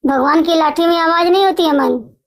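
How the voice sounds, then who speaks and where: A woman's voice: very high voice, normal speed, vocal fry. A woman voicing an honest, hardworking older brother and family man who speaks earnestly and sternly. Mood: angry.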